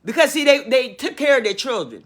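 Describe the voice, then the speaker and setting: A woman's voice: high voice, very animated, a little fast. A woman hosting a casual opinion livestream, reading viewer comments aloud and answering them emphatically, often repeating her points and asking questions.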